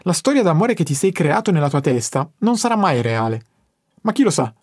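A man's voice: fairly high pitch, very animated, fairly quick, a little mellow, no echo, studio quality. A man voicing a patient wise old teacher. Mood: patient teaching. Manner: patient, instructive. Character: calm wise older male teacher. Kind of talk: audiobook character reading.

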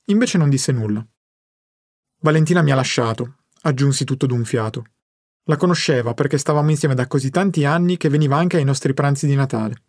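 A man calmly narrating a first-person story as an audiobook, in a measured reading voice. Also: mid-range voice, dry recording, studio quality.

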